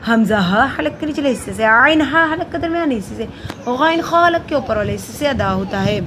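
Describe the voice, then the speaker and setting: A woman teaching tajweed, who first recites verses slowly and melodiously and then explains the pronunciation of each letter in a soft, steady voice. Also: sits high, slight background noise.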